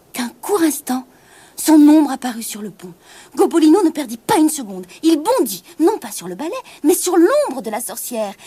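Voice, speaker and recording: A woman narrates a children's storybook with great drama, shifting from hushed whispers to bright exclamations. Her voice sits high and leaps widely in pitch. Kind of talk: expressive storybook reading.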